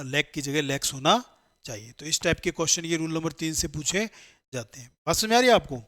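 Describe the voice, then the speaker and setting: A man who teaches English for competitive exams delivers a classroom grammar lecture in a slightly high, somewhat bright voice. He explains each rule step by step, posing questions to the class and answering them himself, and he mixes Hindi with English terms as he goes.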